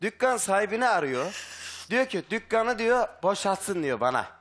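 A man's voice: sits high, big pitch swings, moderate pace, a bit bright. A young man, a guest on a live talk show, agitatedly recounting a dispute and quoting himself over and over. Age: young adult. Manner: agitated, retells dialogue with constant "dedim". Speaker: studio guest. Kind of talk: heated live testimony.

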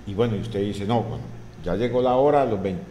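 A man's voice: fairly low pitch, fast talker, dark tone, slight background noise. A middle-aged man hosting a studio interview, rambling and repeating words into a desk mic. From Colombia. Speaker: radio host. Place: small radio studio.

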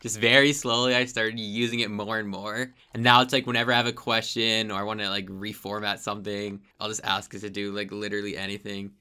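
A young game developer and YouTuber chatting casually as a podcast guest, saying "like" constantly. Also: male voice, lowish voice, level tone, a little fast, few pauses, sharp tone, clean tone. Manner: loose and filler-heavy, says "like" constantly. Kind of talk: casual chat.

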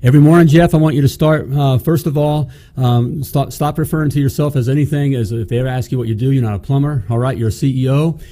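Speaking fast with few pauses, this host of a motivational business show has a mellow, mid-range voice and fairly even intonation. The middle-aged man is in an indoor studio, addressing a studio mic on a stand with emphasis and frequently tossing in "okay?" and "you know".

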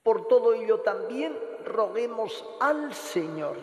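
Cathedral echo, male priest, Castilian accent, high pitch, gravelly creak, direct homily and prayer delivery, lectern microphone. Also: big pitch swings, takes it slowly, a little mellow. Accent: Castilian Spanish. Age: middle-aged. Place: large stone church, indoors. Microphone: gooseneck lectern microphone. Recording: echoey cathedral with long reverb.

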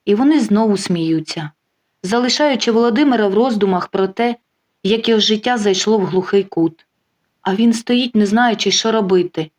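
A woman narrating a life story in a steady, even reading voice. Her pitch sits right in the middle, neither high nor low. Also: moderate pace.

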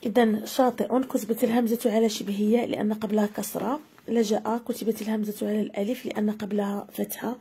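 A woman teaching a grammar lesson, spelling out example words slowly and deliberately. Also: medium pitch, little pitch movement, warm tone, slightly rough. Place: video lesson voice-over.

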